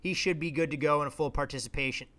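A man's voice: fairly high pitch, fairly even intonation, fast, pushed and bright. A man co-hosting a sports betting podcast, chatting casually with wry asides. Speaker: podcast co-host.

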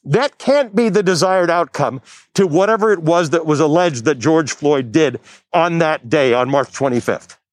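Male news anchor, slightly high voice, dry close sound, emphatic commentary delivery. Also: normal speed, no echo. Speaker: news host. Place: outdoors near a courthouse.

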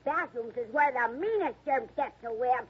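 Cute germ voice, mean little kid, boastful, slow squeaky delivery, muffled vintage radio commercial. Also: slightly rough, full character voice. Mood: gleeful, boastful. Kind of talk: 1950s radio commercial character acting.

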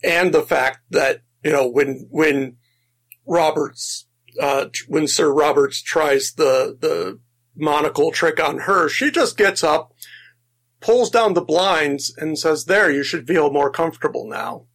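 Husky, slow-talking man discussing films. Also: a little high, fairly bright tone. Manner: enthusiastic, laughs often, restarts sentences. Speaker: podcast co-host. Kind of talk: casual film discussion.

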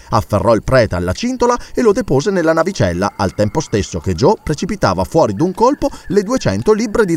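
A man reading a classic adventure novel aloud as an audiobook, with an expressive, dramatic delivery. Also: medium pitch. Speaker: audiobook narrator. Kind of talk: audiobook narration.

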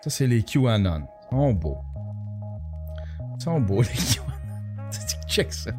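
A man's voice: mid-range voice, very animated, slow pace, music in the background. A man with a Québécois French accent hosting an online show, ranting with profanity and heavy sarcasm. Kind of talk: sarcastic live-stream commentary.

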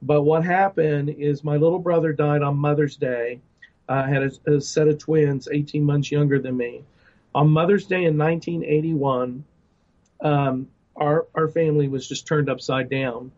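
An earnest middle-aged man recounts his life story in an interview, his voice sitting a little high for a man. He talks in a searching way, full of fillers and restarts. The recording sounds dull and lo-fi. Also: fairly even intonation, normal speed, a little mellow. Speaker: guest ministry director. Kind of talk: personal testimony interview.

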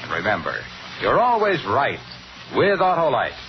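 A man's voice: mid-range voice, huge pitch swings, normal speed. A man announcing a 1950s radio commercial with jovial, florid patter. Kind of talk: 1950s radio advertising pitch. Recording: noisy, muffled 1950s radio recording.

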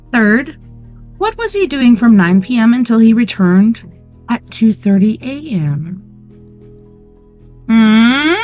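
A woman's voice: fairly high pitch, a little mellow. A woman hosting a late-night show, reading a true-crime book aloud and breaking off into blunt, sarcastic asides with swearing. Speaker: weekend show host.

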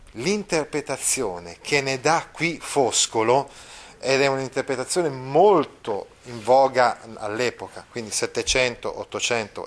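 Italian teacher reading and explaining verse. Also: male voice, medium pitch, a bit bright. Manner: explanatory, reads verse aloud then paraphrases with many fillers. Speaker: literature teacher. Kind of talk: classroom lecture explaining poetry.

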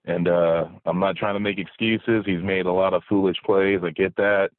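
Deep-voiced man calling into a radio show. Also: level tone, normal speed, dry recording. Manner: rambling, frustrated, many fillers. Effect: radio show caller on a phone line. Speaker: caller to a fan show. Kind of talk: phoned-in fan message. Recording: tinny dry phone line.

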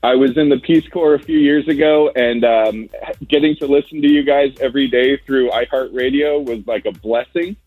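A friendly young man talks as a guest on a radio show, a little rambling, in a voice of average pitch. The sound is dry and close, with faint music behind him. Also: moderate pace, dry recording, phone-quality sound. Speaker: caller, school support staff. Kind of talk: casual chat on air.

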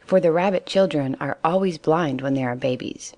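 A woman reads a children's story aloud in a calm, steady voice. Her pitch sits on the low side, and her delivery stays even and unhurried. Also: dry recording. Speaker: narrator. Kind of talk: storybook narration.

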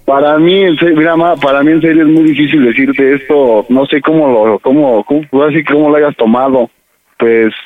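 A man's voice: a little high, fairly even intonation, moderate pace, narrow, tinny audio. Stammering man pleading on a prank call. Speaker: radio prank caller. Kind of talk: prank call, playing a nervous son. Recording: radio broadcast with music behind.

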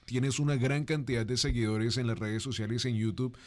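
A man's voice: medium pitch, fairly even intonation, normal speed. A man with a Bogotá Colombian accent, hosting an interview and asking long, hesitant questions.

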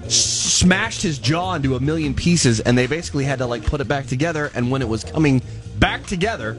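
A man's voice: mid-range voice, lively intonation, fairly quick, music in the background. A man co-hosting a morning radio show, joking around and rambling through celebrity stories.

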